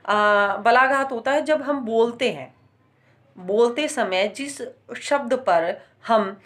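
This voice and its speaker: A woman teaching a grammar lesson, explaining slowly with frequent pauses and stressing example words. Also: on the high side.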